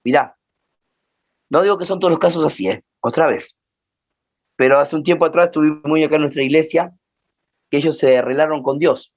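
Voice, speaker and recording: Man, pastor, rioplatense accent, animated sermon storytelling, dull lo-fi recording. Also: on the high side, fairly quick, pauses often. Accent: Rioplatense Spanish. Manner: animated storyteller, voices the people in his stories. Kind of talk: teaching sermon with anecdotes.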